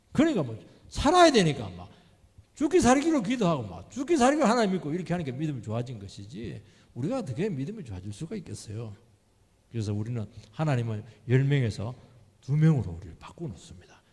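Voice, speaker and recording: A male pastor preaching with emphatic energy, his husky voice rising and falling in lively swings. Long reverb from the church hall trails behind every phrase, and he keeps putting questions to his listeners. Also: a little high. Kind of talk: sermon. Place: church sanctuary.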